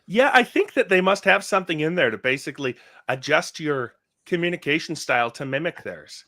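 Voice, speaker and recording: A man's voice: fairly high pitch, expressive, a little fast, sharp tone. A man hosting a casual tech chat, asking curious questions and joking now and then. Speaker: podcast host.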